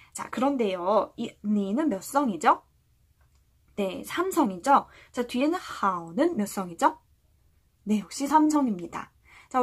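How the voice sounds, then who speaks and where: A woman teaches a beginner's language lesson, her slightly husky voice rising and falling in lively swings. She asks her viewers a question, answers it herself, and slows right down to model each phrase for them to repeat. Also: mid-range voice. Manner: patient, slow model readings for repeating aloud.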